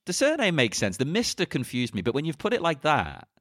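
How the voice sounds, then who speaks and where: A man's voice: a little high, huge pitch swings, brisk, a bit bright, dry recording, studio quality. A man co-hosting a casual film-discussion podcast, playful and questioning, laughing often. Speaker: podcast co-host.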